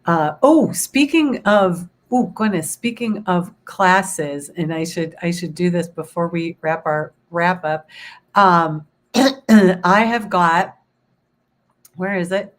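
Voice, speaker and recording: A woman who is hoarse and losing her voice, leading a soothing guided meditation and then chatting casually with her online audience. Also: lowish voice. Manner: slow, soothing guided visualization; rambling, self-interrupting chat with fillers. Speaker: spiritual teacher hosting a livestream.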